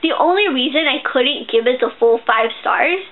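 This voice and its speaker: High-voiced young woman, tinny phone-like sound. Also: lively intonation, normal speed. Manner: chatty, gushing, many fillers and restarts. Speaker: book reviewer. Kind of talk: casual book review vlog.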